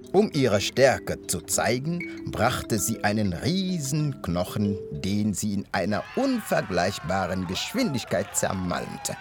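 Langsamer, ausdrucksvoller Märchenerzähler. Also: male voice, low-pitched. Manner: measured, expressive storytelling. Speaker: storyteller. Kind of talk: fairy-tale narration.

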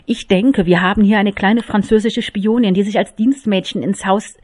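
A woman reading aloud, voicing a cold, mocking male army lieutenant who interrogates slowly and scornfully. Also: medium pitch, steady tone, a little mellow, lightly acted. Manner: icy, scornful, deliberate.

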